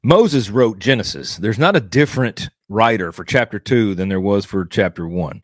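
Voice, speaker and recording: A man's voice: fairly low pitch, expressive, normal speed, no room sound. Guy on his podcast arguing back at a preacher clip, explains things over and over, dry close sound. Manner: critical, explanatory, repeats points. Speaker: podcast host critiquing a sermon. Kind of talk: commentary on a played clip.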